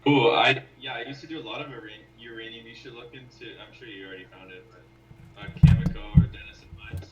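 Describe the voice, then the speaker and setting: A joking man trades quips about stocks on a live stream. His voice is mid-pitched and sounds distant, with a faint hum behind it. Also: fast, roomy sound, dull audio. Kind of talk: casual stock-market chat on a live stream.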